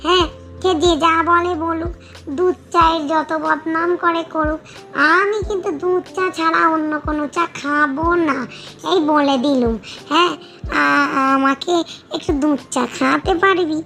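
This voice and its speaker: A woman doing a whiny high-voiced ghost auntie. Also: fairly even intonation, moderate pace, bright, forceful tone, soft background music, heavily acted. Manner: whiny, bossy, bargaining. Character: fussy middle-aged female ghost with toothache. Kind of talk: cartoon voice acting.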